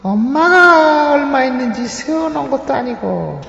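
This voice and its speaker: Wheedling cartoonish devil, gravelly, swooping pitch. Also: animated, moderate pace, a bit bright, exaggerated voice. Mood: impatient, goading. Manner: wheedling, goading, mischievous devil whisperer. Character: sly little devil tempting a young girl. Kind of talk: comic radio letter dramatization. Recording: roomy, reverberant, muffled, noisy.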